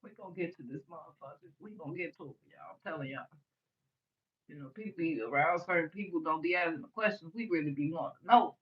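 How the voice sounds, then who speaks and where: A woman in her early thirties from the US Midwest hosts a late-night livestream, ranting casually in a rambling, blunt and profane way. Her light voice sits low, she talks fast, and the recording is muffled.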